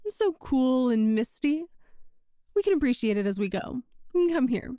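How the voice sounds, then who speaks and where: A woman performs ASMR romantic roleplay as a sweet yet possessive young witch who runs a shop, her manner coy, teasing, and doting, her mood gleeful. She speaks a little slowly in a high-pitched voice with lively intonation and a dark tone. The clean studio sound has no echo.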